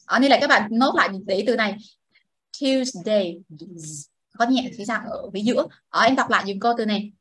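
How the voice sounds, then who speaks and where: A woman's voice: fairly high pitch, rapid-fire, hardly any pauses, fairly bright tone, breathy edge, dry recording. A woman teaching a classroom pronunciation lesson, patiently explaining and modelling words for students to repeat. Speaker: English teacher.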